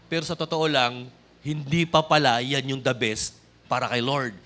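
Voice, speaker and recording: A man's voice: medium pitch, normal speed, a bit bright. A man with a Filipino accent preaching a sermon, switching between Tagalog and English and often addressing the congregation directly. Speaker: pastor.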